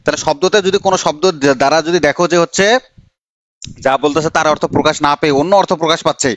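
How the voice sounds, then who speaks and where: Male coaching teacher, fast chatty delivery, slightly high voice, dry close sound. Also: steady tone, no room sound. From Bangladesh. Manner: chatty, teasing, calls on students by name. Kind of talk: live online grammar class.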